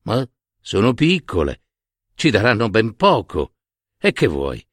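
A man's voice: on the low side, wildly swooping pitch, measured pace, a bit bright, dry recording, studio quality, full character voice. A man voicing a poor shoemaker's wife in a storybook reading, raising his voice to play a plain, practical woman. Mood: homely, practical.

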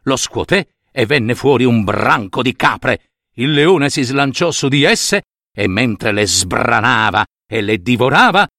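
Male storyteller, expressive fairy-tale reading, lively and slightly high, dry sound. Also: slow, gravelly, no room sound. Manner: expressive, animated narration.

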